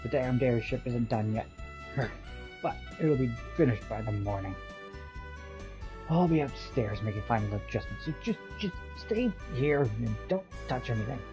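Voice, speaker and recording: A man's voice: medium pitch, expressive, normal speed, music in the background, lightly acted. A man voicing a grumpy older male airship builder who talks curtly and dismissively. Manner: curt, dismissive.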